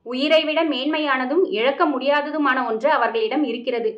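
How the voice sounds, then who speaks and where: A woman's voice: high-pitched, fairly even intonation, normal speed, muffled recording, natural voice. A woman voicing a scheming, menacing man in a story reading, talking sternly and threateningly. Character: scheming menacing male kidnapper, grown man.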